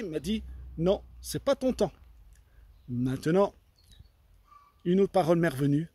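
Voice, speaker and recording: High-voiced man giving a halting testimony. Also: a little mellow, no echo. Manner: halting, repeats phrases and restarts often; earnest and fervent, retelling dialogue in his own voice. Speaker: church member giving a testimony. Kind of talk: personal faith testimony told to an audience.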